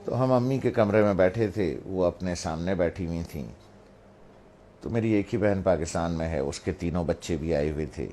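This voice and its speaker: Low and warm, the voice belongs to a middle-aged Pakistani religious speaker sharing a family anecdote that leads to a moral. He imitates his family members' voices throughout, with slight background noise present.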